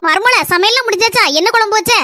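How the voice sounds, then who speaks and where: A woman doing a shrill nagging old mother-in-law. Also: rapid-fire, sharp tone. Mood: bossy. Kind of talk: cartoon comedy voice acting.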